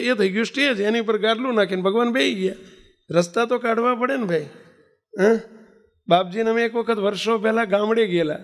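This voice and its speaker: A man. He tells homely stories in a lively way, acting out the voices in them and chuckling along. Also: high-pitched. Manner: folksy, animated storyteller who acts out dialogue and laughs. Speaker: swami giving a discourse. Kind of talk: sermon with storytelling.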